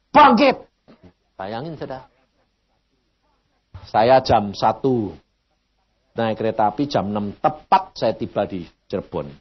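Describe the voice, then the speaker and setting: A man's voice: mid-range voice, slightly rough. An older Indonesian-born man preaching a sermon, telling a family story and acting out the voices in it. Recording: dull lo-fi sermon recording.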